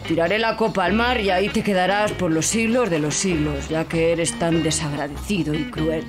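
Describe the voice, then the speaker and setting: A storyteller voicing a poor, worried old fisherman in a fairy tale, speaking low and subdued over background music. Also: fairly even intonation, moderate pace, natural voice. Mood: cautious. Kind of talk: storybook character voice.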